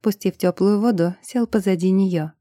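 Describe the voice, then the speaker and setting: A woman narrating an audiobook with a calm, even reading. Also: medium pitch, normal speed, dry recording, clean studio sound.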